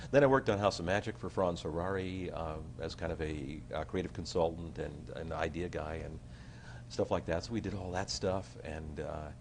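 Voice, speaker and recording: A man's voice: deep voice, normal speed, slight background noise. A man chatting as a talk show guest, then doing a comedic magic routine with playful showman patter. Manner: animated, jokey showman patter, bursts of hummed tune. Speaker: guest, magician and stage effects designer.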